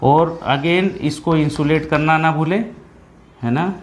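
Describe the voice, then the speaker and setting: Slow-paced man lecturing on engineering. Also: fairly high pitch, steady tone. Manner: slow dictation of problem text, quick asides with repeated "है ना". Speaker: engineering tutor. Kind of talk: whiteboard lecture.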